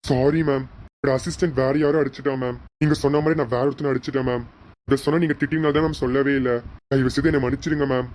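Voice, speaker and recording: A man's voice: medium pitch, fairly even intonation, quick pace, a little mellow, slight background noise, lightly acted. A man voicing a nervous young henchman who keeps pleading with his boss. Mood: apologetic. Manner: pleading, keeps saying ma'am.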